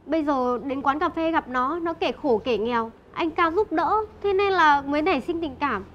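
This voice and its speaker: A young actress playing a sly young woman who flatters an older mother. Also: sits high, normal speed, dull audio, slight background noise. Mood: flattering. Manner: sweet-talking, flattering, sharp when accusing.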